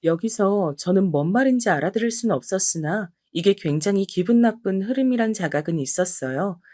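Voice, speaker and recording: A middle-aged woman telling her own family story as a dramatized narration. Her mid-pitched voice moves expressively up and down. She sounds wronged and indignant throughout. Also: expressive, brisk, mellow, no room sound, studio quality. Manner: indignant, aggrieved.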